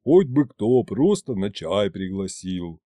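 A man voicing a gruff old grandfather Winter spirit with a deep bass voice, grumbling and weary. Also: sing-song, slow pace, mellow, dry recording, full character voice.

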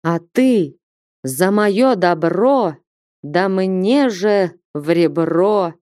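A woman voicing a stern, grieving old male merchant who scolds and threatens slowly in a storybook reading. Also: on the low side, lively intonation, dark tone, no room sound, clean studio sound. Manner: reproachful, threatening.

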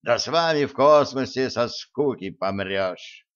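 A man's voice: medium pitch, lively intonation, a little slow, a bit bright, dull audio. A man reading an audiobook voices a playful, flirtatious female ship hologram who talks in a mocking tone. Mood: teasing. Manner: mocking, teasing.

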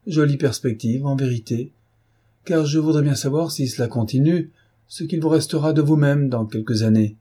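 A man's voice: medium pitch, normal speed, warm tone, slightly rough, voice pushed up, lightly acted. A man voicing a sarcastic, scolding middle-aged housekeeper in an audiobook reading. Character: sharp-tongued middle-aged woman housekeeper.

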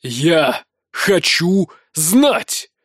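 A domineering king and furious father, as an audiobook reader puts him on, booming and scolding in a fairly high male voice. The recording is dry and close, with no room sound at all. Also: lively intonation, normal speed, darkish tone, no room sound, lightly acted. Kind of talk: audiobook character voice.

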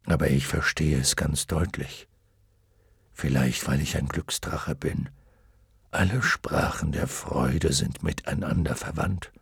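A man voicing a huge, wise and gentle male luck dragon in an audiobook, murmuring slowly and solemnly. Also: steady tone, gravelly, husky, dry recording, studio quality, full character voice. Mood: wondering. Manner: deep hushed murmur, slow and solemn. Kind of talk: audiobook character voice.

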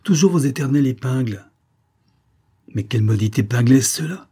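A man's voice: mid-range voice, normal speed, mellow, slightly rough, lightly acted. A man playing a flustered, insistent young lieutenant. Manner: exclamatory, insistent.

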